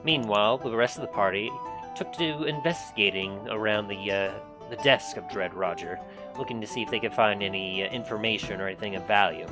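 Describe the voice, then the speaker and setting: Lowish-voiced male game master over music. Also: brisk. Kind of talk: recap narration of a tabletop fantasy game. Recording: prominent guitar music behind voice. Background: guitar music.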